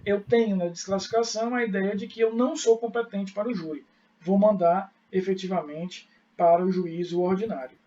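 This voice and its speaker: A man's voice: high voice, fairly even intonation, fairly quick, mellow, recorded from a distance, dull audio. A man with a Brazilian accent giving a live online law lecture, explaining step by step, asking rhetorical questions and checking in with students. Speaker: law professor.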